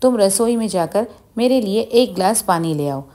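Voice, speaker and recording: A kindly older father-in-law, calm and firm, as a woman storyteller puts him on. He speaks in a fatherly way, as in a storybook family tale. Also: medium pitch, normal speed, close to an everyday voice.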